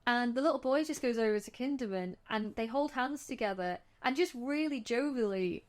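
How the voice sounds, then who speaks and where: A woman's voice: on the high side, normal speed. A woman co-hosting a casual film discussion podcast, retelling scenes in a chatty way and often restarting her sentences. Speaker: podcast co-host.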